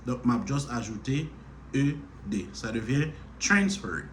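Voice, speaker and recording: A man's voice: medium pitch, lively intonation, a little slow, slight background noise. A Haitian man teaching English grammar in a patient lesson style, repeating words to stress their syllables. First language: Haitian Creole. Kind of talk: slow explanatory lesson.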